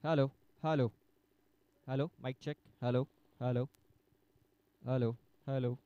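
A man testing a public address microphone with repeated calls, his voice carried through a loudspeaker from afar before he commentates a local cricket match. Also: medium pitch, steady tone, takes it slowly, clear, resonant tone, dry recording, lo-fi sound.

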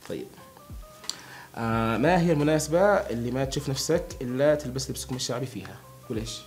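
Young guy talking super fast, friendly chat, faint music under it. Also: medium pitch, darkish tone. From Hadhramaut, Yemen. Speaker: conversation partner asking questions. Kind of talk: casual chat between friends.

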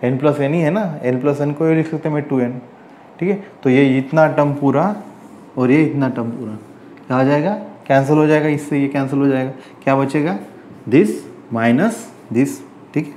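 A man's voice: mid-range voice, moderate pace, warm tone, a little hiss or hum. A man teaching a maths lesson step by step, often asking rhetorical questions as he works through each line. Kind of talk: chalkboard maths lecture.

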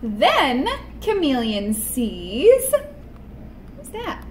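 In an indoor room with a painted mural wall, a children's museum storytime presenter reads aloud and offers tips for young children. She speaks very slowly in a high, animated, expressive voice aimed at small kids, and the recording has a roomy echo with noticeable background noise.

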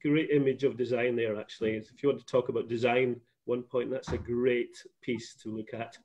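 A middle-aged Scottish man talks as a guest on a casual video call interview from his home office, rambling and restarting his thoughts. His mid-range voice has a darkish tone, little pitch movement, and a moderate pace. The laptop webcam audio sounds muffled.

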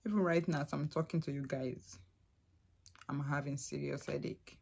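A young adult woman vlogging casually to camera, emotional and soft-spoken, repeating herself often. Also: low-pitched, fairly even intonation, moderate pace, vocal fry, slightly rough.

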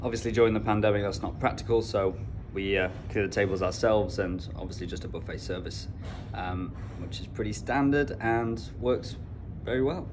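A man's voice: lowish voice, normal speed, few pauses, background noise. Young man vlogging aboard a ship. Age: young adult. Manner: relaxed, explanatory, conversational. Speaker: cruise ship deck officer vlogging his day. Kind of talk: casual vlog narration. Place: indoors on a ship, offices and mess rooms. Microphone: phone held at arm's length.

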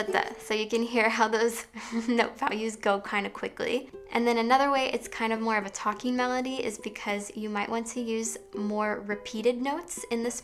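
A young woman leads an online songwriting lesson, explaining things step by step in an upbeat way. Her voice sits a little high and sounds bright and clear. Soft music plays faintly behind her. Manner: upbeat and explanatory, sings short "da da" phrases as demonstrations. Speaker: songwriting teacher.

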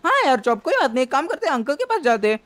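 Woman playing a cheeky lil kid, super high voice, bouncy. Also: very animated, rapid-fire, a bit bright, no room sound. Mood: teasing. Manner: cheeky, carefree. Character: cheeky little five-year-old boy. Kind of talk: game role-play voice acting.

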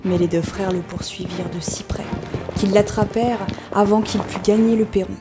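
Woman narrating a fairy tale over music. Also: mid-range voice. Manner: measured, expressive reading.

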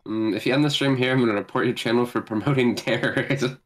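A man chatting with friends on a game stream. He talks quickly at a mid pitch and teases them, repeating the same joke over and over. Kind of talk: casual chat on a game stream.

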